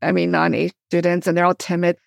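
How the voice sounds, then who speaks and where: This Korean-born woman, middle-aged and an immigrant since 1975, appears as an enthusiastic podcast guest; she's a theologian and teacher. Her fairly low voice is completely flat and fast, with vocal fry, recorded dry in clean studio sound.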